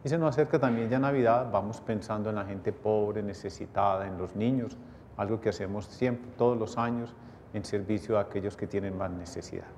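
A man's voice: fairly quick, a little mellow. A middle-aged man, a priest, leading closing prayers and a blessing at Mass and making earnest appeals. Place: small chapel studio at an altar. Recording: chapel reverb with faint rumble.

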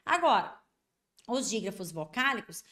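A Brazilian woman teaching a Portuguese grammar lesson for exam candidates. She keeps checking that students follow and draws out example words slowly. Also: medium pitch, sing-song, sharp tone. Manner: repetitive, constantly checking understanding.

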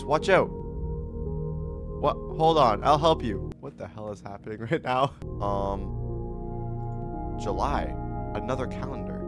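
Young male gamer, casual let's play commentary, faint game music underneath. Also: medium pitch. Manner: casual, reacts aloud, reads dialogue. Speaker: gaming channel host.

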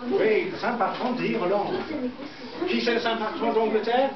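A middle-aged man from southern England, a native English speaker with an English accent, teaching a school class in simple, halting phrases with repetitions. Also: high-pitched, over a noisy crowd. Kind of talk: classroom lesson. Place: indoor school classroom with pupils. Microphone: distant camera microphone. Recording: echoey noisy classroom, muffled, from far off.

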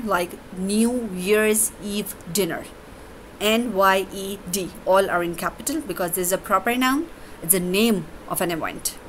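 A woman teacher, giving a deliberate grammar lesson that moves between English and Urdu. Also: medium pitch, a bit bright, slight background noise, low-quality recording.

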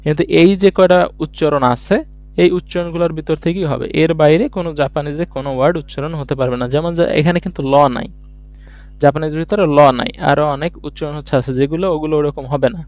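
A man's voice: on the high side, quick pace, darkish tone, no echo. A man teaching a beginners' language lesson online, explaining each step patiently and answering his own questions as he goes. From Bangladesh.

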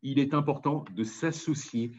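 Husky Parisian man giving a passionate talk. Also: mid-range voice, normal speed, darkish tone, muffled recording. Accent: Parisian French. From France. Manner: impassioned, emphatic, insistent. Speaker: speaker. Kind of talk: public talk on language and community.

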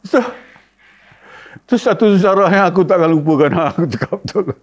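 A man with a Malaysian Malay accent, casually telling a funny story about a gig. He laughs often and acts out a shrill scream. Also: moderate pace. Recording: dull lo-fi sound.

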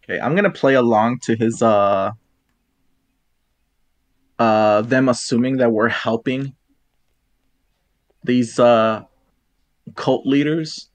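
A man's voice: mid-range voice, fairly even intonation, slow pace, pauses often. A man playing a tabletop role-playing game, joking around and describing what his character does. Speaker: player. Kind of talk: casual tabletop play.

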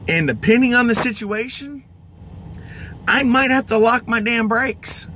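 A middle-aged American truck driver rants angrily to camera from inside his truck cab, exasperated, emphatic, and heavily profane. His voice is extremely high-pitched and sharp, a little slow, with slight background noise.

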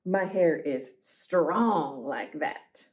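Reading picture books to children at storytime, a deep-voiced woman delivers each line with careful, expressive phrasing.

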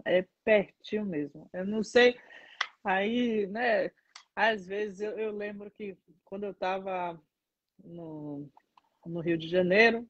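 A woman in her thirties from Salvador with a Bahian Brazilian accent, chatting casually as a dance teacher answering viewer questions, animated and stressing words by slowing down. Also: fairly low pitch, dry recording, highs cut off. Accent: Bahian Brazilian Portuguese. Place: indoors, seated in front of a painted mural.

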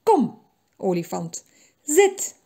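A woman voicing a spoiled, demanding little girl princess in a read-aloud storybook, high and insistent. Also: sing-song, drawn-out words, warm tone, full character voice. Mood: impatient.

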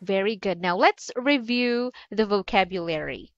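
A woman's voice: mid-range voice, lively intonation, a little slow, no echo. A woman teaching an online English lesson, cheerful and encouraging, laughing often. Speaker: ESL teacher. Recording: dull lo-fi sound.

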